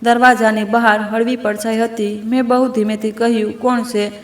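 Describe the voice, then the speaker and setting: A woman reading a first-person family story aloud in an even, measured, subdued way. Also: fairly high pitch. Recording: echoey room.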